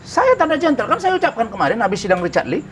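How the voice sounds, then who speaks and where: Guy telling a story on a talk show, high voice that swoops all over, emphatic and dramatic. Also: very animated, fast talker, slight background noise. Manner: emphatic, dramatic retelling with bursts of loudness. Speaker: lawyer and talk show guest. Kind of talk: animated storytelling, acting out quoted exchanges.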